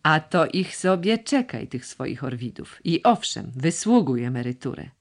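A man voicing a gruff, stubborn old uncle in a storybook reading, curt and commanding. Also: a little high, very animated, a little slow, full character voice. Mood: bitter.

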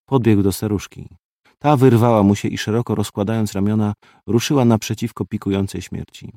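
A man narrating a first-person audiobook in a terse, gruff manner. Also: lowish voice, steady tone, a little fast, dark tone, no echo, clean studio sound.

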